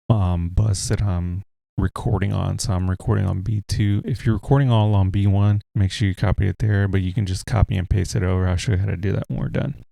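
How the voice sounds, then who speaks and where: A deep, creaky male voice leads a relaxed screen-recorded tutorial, rambling and using fillers as he goes. The setting is a home room with a heater on, the mic is a USB desk model without a pop filter, and there's no echo.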